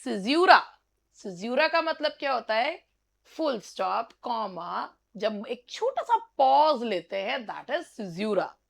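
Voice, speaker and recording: Slow, high-voiced woman teacher. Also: very animated, creaky. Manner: explains slowly, asks and answers her own questions. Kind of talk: exam-prep literature lecture.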